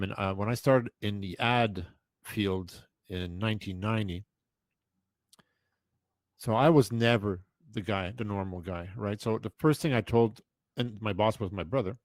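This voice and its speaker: Host, man in his fifties, low voice, emphatic rambling talk, dry close sound. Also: moderate pace, no echo. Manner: rambling and emphatic, many restarts. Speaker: podcast host. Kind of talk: casual chat.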